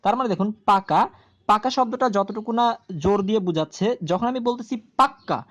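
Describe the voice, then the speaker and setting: A woman of medium pitch teaches grammar to video viewers in an animated manner, though the sound quality is lo-fi. Her explanations are slow, key terms get repeated, and she regularly answers the questions she raises.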